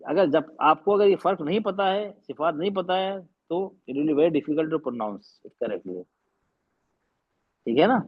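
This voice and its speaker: A man's voice: fairly high pitch, expressive, a little slow, muffled recording. A man teaching an online class, explaining patiently and repeating his points, mixing in English phrases. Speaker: tajweed teacher. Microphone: video call.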